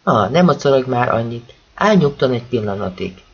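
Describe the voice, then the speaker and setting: A man voicing a gentle, fatherly older man with a soft, coaxing way of speaking. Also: medium pitch, sing-song, creaky, breathy edge, muffled recording, full character voice.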